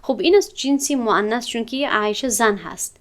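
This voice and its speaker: A woman teaching Arabic grammar in a classroom, explaining step by step and asking her students questions. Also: a little high. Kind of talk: classroom lesson.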